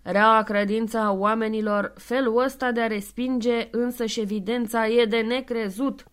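A woman's voice: on the high side, fairly even intonation, smooth, natural voice. A woman reading the lines of a sympathetic adult male burglar in an audiobook, curious and questioning.

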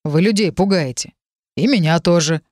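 A woman voicing a calm, curious male dragon who speaks inside the heroine's head, in a matter-of-fact, politely puzzled way. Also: fairly low pitch, normal speed, no echo, clean studio sound, close to an everyday voice. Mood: dry curious.

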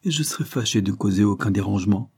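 A man reading aloud voices a gentle, tired young wife who speaks softly and quietly. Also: fairly low pitch, fast, gravelly, husky. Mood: weary, gentle. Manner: soft and hushed. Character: gentle, weary young lady, soft-spoken.

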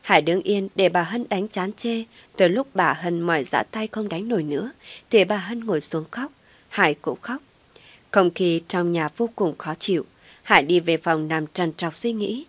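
Brief: woman storyteller, low voice, dry close sound, steady narration. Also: normal speed, dry recording.

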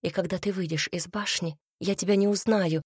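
A woman's voice: lowish voice, steady tone, a little fast, darkish tone, breathy edge, no echo, studio quality. A woman reading the part of a self-sacrificing young woman in a storybook, speaking in an earnest, pleading way.

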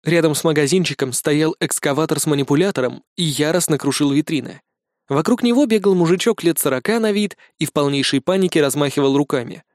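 A male narrator telling a first-person action story with brisk, wry delivery. His voice sits a bit higher than usual for a man, and the studio sound is dry and close with no room at all. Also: dry recording. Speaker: audiobook narrator.

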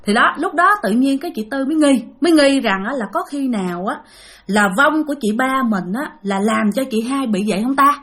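A woman with a Southern Vietnamese accent tells a ghost story in a casual spoken way, high-pitched and chatty. She rambles, leans on fillers and often stops to correct herself. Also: expressive, a little fast, a bit bright.

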